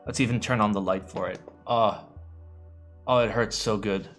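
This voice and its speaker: A young U.S. keyboard streamer chats with his live audience in a lowish, slightly bright voice, keeping an even intonation and moderate pace. Music hums faintly in the background as he rambles, swears freely, and groans in jest.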